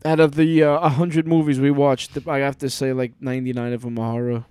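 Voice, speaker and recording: A man hosting a podcast in loose casual chat, rambling and halting with fillers and profanity. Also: mid-range voice, flat delivery, a little mellow, smooth, no room sound. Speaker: podcast host.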